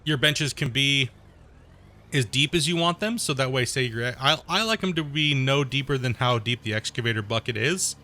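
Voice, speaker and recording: Losing his voice to illness, a gaming channel host talks casually at a medium pitch and moderate pace over his own gameplay. His commentary rambles, explains terms as he plays, and erupts excitedly at mishaps.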